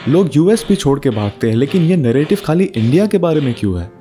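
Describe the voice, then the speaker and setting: A man's voice: fairly high pitch, sing-song, fast, mellow, soft background music. A man with an Indian accent hosting a casual commentary video in a rhetorical, teasing manner. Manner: rhetorical, teasing, mixes Hindi and English slang. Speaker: video essay host.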